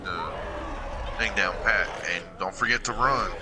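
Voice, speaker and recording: A man's voice: lowish voice, unhurried, heavy background noise. Laid-back man giving game tips. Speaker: co-host.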